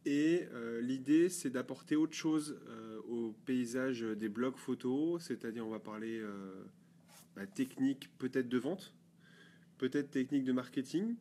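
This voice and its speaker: A man's voice: mid-range voice, unhurried, mellow, a little hiss or hum. A man co-hosting a photography blog video, chatting casually and rambling with fillers and restarts. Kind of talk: casual chat.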